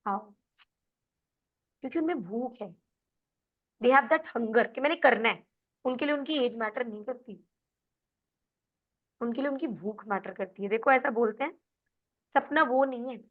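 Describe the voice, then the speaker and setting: A woman's voice: on the high side, unhurried, pauses often. A woman life coach with an Indian accent, giving a motivational talk and mixing in English, acting out her clients' words. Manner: animated, acts out quoted voices of clients. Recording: tinny phone-like sound.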